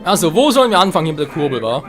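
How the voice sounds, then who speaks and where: A man's voice: on the high side, big pitch swings, very fast, fairly bright tone, faint music behind. A man casually commenting on his gameplay, jokey, muttering and swearing at what happens. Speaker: let's play host.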